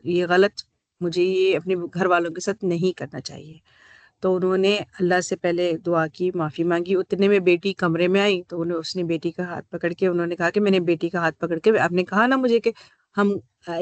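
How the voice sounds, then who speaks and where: A woman counsellor giving a workshop talk, telling a story with many pauses and fillers, switching into English phrases. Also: fairly low pitch, no room sound.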